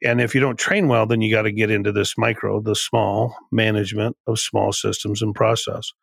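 A man with a gravelly edge to his voice speaks as a podcast guest, sharing business lessons with emphatic, repetitive phrasing. The recording is close and dry, with no room sound around him. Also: lowish voice, level tone, moderate pace, fairly bright tone, no room sound. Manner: emphatic, repeats and restarts phrases. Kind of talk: conversational podcast interview.

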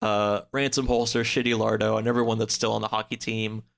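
A man with a lowish, creaky voice talks a little fast and with little pitch movement. He's a podcast guest chatting casually, telling a story in a loose, rambling, pieced-together way full of "like".

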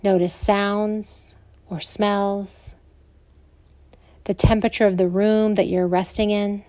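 An American woman teaching yoga nidra, guiding rest slowly and soothingly like a sleep story narrator, with spacious pauses. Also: mid-range voice, little pitch movement, mellow, dry recording. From lives in southern Colorado, United States.

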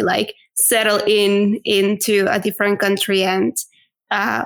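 A Venezuelan woman in her twenties, a native Spanish speaker, is a podcast guest answering interview questions openly and candidly, often using fillers like "like" and "um". Her voice is medium-pitched and a bit bright.

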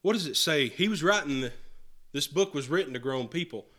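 A man preaching a sermon to a congregation. He talks earnestly, repeats and restarts phrases, and swings between loud and soft. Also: fairly high pitch, animated, fairly quick. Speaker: pastor. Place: church hall with a congregation answering.

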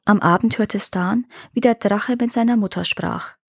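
A woman narrating a fairy tale in calm, measured scripted storytelling. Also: medium pitch, vocal fry, slightly rough, no echo, clean studio sound. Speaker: storyteller reading fairy tales.

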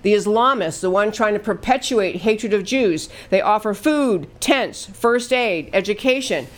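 A woman's voice: mid-range voice, lively intonation, measured pace. A middle-aged woman hosting a political talk show, delivering emphatic, indignant commentary that repeats its points.

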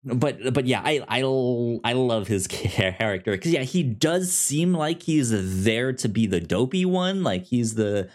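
Excited about movies, a man co-hosting a podcast talks casually in an expressive, medium-pitched voice. His speech is halting, full of stammers and restarts as he stumbles over his words.

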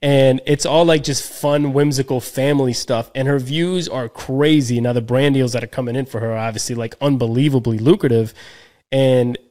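A man's voice: mid-range voice, steady tone, moderate pace, darkish tone. A man co-hosting a podcast in casual chat, talking loosely with slang and frequent restarts. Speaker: podcast co-host.

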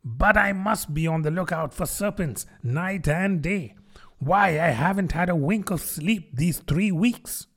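A fretful pigeon, voiced by a male narrator, scolds in a high, piercing voice, full of contempt. It talks in a raised register well above a man's usual speech, sharp and accusing. The sound is that of a storybook reading. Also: measured pace. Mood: aggrieved. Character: shrill, indignant, sleepless pigeon guarding its eggs. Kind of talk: audiobook character voice.

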